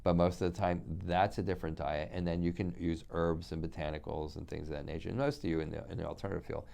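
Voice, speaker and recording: A man's voice: low voice, steady tone, quick pace, creaky, mellow. A middle-aged man giving an unscripted health lesson to viewers, talking in loose, rambling sentences full of restarts and repeated words. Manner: addresses viewers directly. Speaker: functional medicine practitioner.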